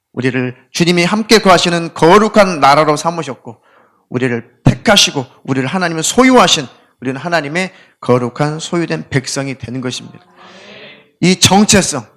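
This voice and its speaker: A male pastor delivers his Sunday sermon in a church sanctuary. His fairly high voice swings widely in pitch. He mixes earnest exhortation with humorous, acted-out asides. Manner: lively, humorous preaching with acted inner voices; leads the congregation in call-and-response scripture reading. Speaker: senior pastor.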